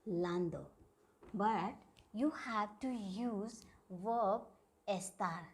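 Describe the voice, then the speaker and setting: A woman teaching a grammar lesson at a board, speaking slowly and repeating key words for emphasis. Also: mid-range voice, slightly rough. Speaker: Spanish teacher.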